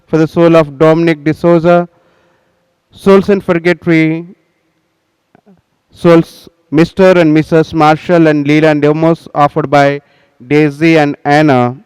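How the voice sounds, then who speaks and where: A priest, presiding at Mass and speaking into a church microphone in solemn, measured tones. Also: male voice, on the high side, little pitch movement, darkish tone, clear, resonant tone. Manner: solemn, measured liturgical intoning. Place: large cathedral, indoors. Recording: long reverb of a large cathedral.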